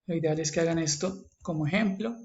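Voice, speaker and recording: A man's voice: a little high, fairly quick. A man with a Colombian Spanish accent teaching English grammar in a recorded online lesson. He repeats each rule and keeps checking in with his students. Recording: echoey, slightly dull screen recording.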